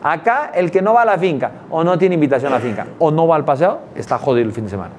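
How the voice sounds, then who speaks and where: A man teaching a course, talking emphatically, repeating words for stress and checking in with quick tag questions. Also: fairly high pitch, lively intonation, a little mellow, a little hiss or hum. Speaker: business culture instructor. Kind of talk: explanatory talk to students.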